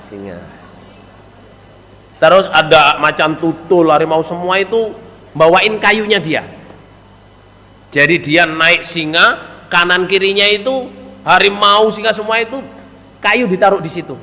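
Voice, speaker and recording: Man, Javanese accent, folksy preacher, somewhat high, bright and forceful, long hall echo. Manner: folksy, acts out quoted characters with shifting pitch. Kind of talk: sermon storytelling.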